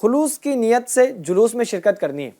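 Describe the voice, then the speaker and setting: A woman's voice: a little high, big pitch swings, warm tone. Woman teaching children in question-and-answer style. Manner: asks a question, then repeats the answer back. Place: room with children and a passed microphone.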